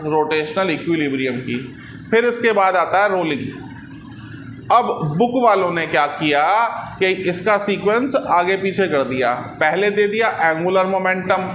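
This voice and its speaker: A man's voice: high voice, fairly bright tone, echoey room, slight background noise. A man teaching physics in a classroom lecture, explaining patiently and often checking that students follow. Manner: explains patiently, keeps asking "ठीक है?" and "है ना".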